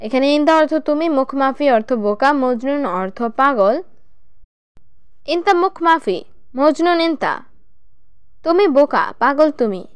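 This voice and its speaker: A woman teaching language in an even, measured way, going through short phrases one at a time in a scripted lesson. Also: high voice, no room sound.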